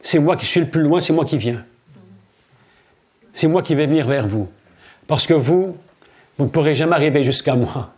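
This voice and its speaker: A man voicing God as a calm, commanding figure who speaks in a low, measured way. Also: natural voice. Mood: reassuring.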